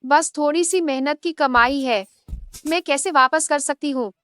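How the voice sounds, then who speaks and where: A woman dubbing the role of an older housemaid who is deep in debt, pleading one moment and coldly scheming the next. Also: unhurried, a bit bright, dry recording. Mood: defiant. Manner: pleading, then cold and scheming. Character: scheming older maid, pleading then greedy. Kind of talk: Hindi drama dub.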